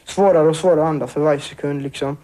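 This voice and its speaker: A teenage boy recounts a personal ordeal in halting, filler-laden speech. His voice sits a little high but sounds mellow and dark. He restarts often and searches for words. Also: steady tone. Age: teens. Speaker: survivor interviewee. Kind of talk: emotional personal account.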